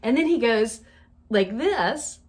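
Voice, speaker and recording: A woman's voice: a little high, slow pace. Woman chatting through funny stories, voice swinging up and down a lot, keeps laughing. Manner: animated, laughs often while telling stories. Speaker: wellness storyteller. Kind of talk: casual storytelling monologue.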